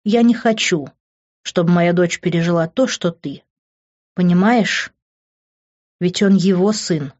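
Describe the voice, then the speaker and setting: A woman's voice: on the low side, a little slow, long pauses, a little mellow, muffled recording. Guilty, defensive middle-aged father, read by a woman, audiobook. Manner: sighing, defensive.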